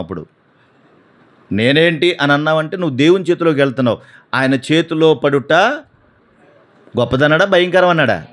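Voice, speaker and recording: A man preaching a sermon, animated, acting out voices and asking the congregation questions. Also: fairly high pitch.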